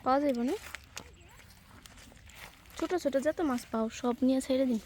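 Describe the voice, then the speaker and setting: A woman chatting casually in a vlog, calling out lively, bossy instructions to children. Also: high voice, normal speed, slight background noise. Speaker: vlogger. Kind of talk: casual outdoor vlog chat. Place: outdoors, dry rural field.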